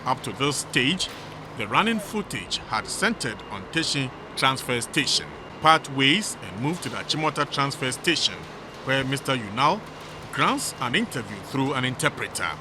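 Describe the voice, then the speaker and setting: A man's voice: medium pitch, big pitch swings, normal speed, noisy background. A man reading scripted documentary narration as the narrator. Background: music bed.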